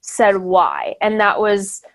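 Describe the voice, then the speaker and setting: Speaking slowly and expressively in a mid-range voice, a young woman hosts a podcast. It's a casual interview conversation where she often restarts sentences, leans on fillers, and laughs easily.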